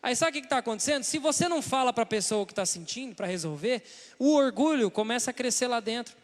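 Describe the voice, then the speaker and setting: Brazilian male pastor, young, conversational sermon that acts out quoted voices, very high pitch. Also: lively intonation, fast. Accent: Brazilian Portuguese. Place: church sanctuary. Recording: long hall reverb.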